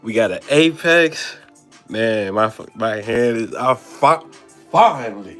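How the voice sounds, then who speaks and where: A young man opening trading cards on camera, so hyped he keeps stammering and exclaiming. His pitch leaps all over the place while his words come slow and drawn out, with faint music playing under his voice. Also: expressive, a bit bright. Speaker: card-opening channel host. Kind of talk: excited unboxing vlog.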